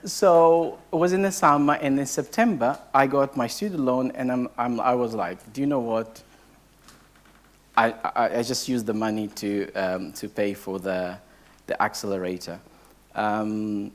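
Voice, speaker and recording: A young man shares his own story from the front of a room as a case study speaker. He speaks English as an at an ordinary middle pitch, stopping often on fillers and restarting his sentences. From Portugal. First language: Portuguese. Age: young adult. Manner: hesitant, heavy with filler sounds and restarts. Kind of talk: personal story told to a live audience.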